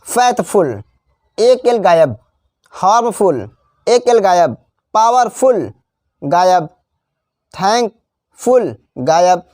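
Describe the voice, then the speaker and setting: Man teaching spelling, slow and repetitive. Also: high-pitched, sing-song, darkish tone, no room sound, studio quality. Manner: spells out letters slowly, repeats words, chatty asides. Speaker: English teacher. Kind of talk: classroom-style spelling lesson.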